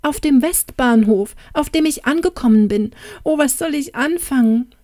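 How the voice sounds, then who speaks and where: A woman voicing a shy, tearful young woman traveller who pleads anxiously in high, rising tones. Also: moderate pace, mellow, dry recording, clean studio sound, close to an everyday voice.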